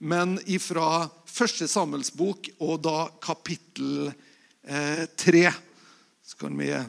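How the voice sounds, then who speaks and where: A man preaching in a loose, conversational way, stumbling over his words and filling gaps with hesitant sounds. His voice sits high for a man and has a gravelly edge. He turns to the room now and then with direct questions. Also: steady tone. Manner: hesitant, with many fillers and restarts; conversational, asks the listeners questions. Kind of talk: informal sermon with Bible reading.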